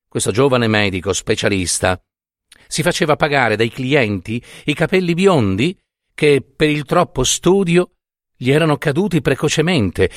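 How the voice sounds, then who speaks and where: A man reading a literary story aloud at an unhurried, deliberate pace, his pitch rising and falling widely with theatrical phrasing. The recording is dry and close, with little room sound. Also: no room sound. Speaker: narrator. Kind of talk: dramatic audiobook narration.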